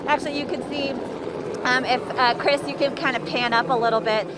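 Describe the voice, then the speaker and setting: A woman's voice: sits high, fairly even intonation, brisk, very noisy. A woman field reporter walking and talking urgently through a live breaking news report outdoors near a wildfire, out of breath.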